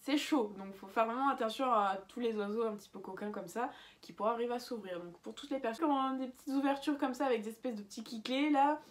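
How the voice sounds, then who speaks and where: A young woman with a fairly high voice talks through her advice in a loose, chatty way. She stumbles, restarts and fills pauses, laughing lightly at her own slips. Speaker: bird-keeping vlogger. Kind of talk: casual advice vlog.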